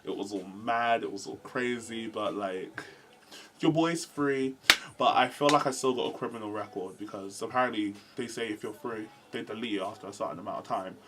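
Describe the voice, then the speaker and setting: Young man, storytime vlog, animated, jumps into voices for every quote. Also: lowish voice, normal speed, noisy background. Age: 20s. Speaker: vlogger. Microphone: camera mic.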